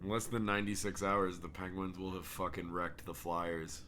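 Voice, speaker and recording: A man with a very low voice chats on a podcast, sounding tired and easygoing and laughing now and then. Faint background noise sits under his voice. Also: little pitch movement, moderate pace, bright, forceful tone. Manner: laid-back, joking, laughs often. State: tired, yawning. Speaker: podcast co-host. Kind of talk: casual chat.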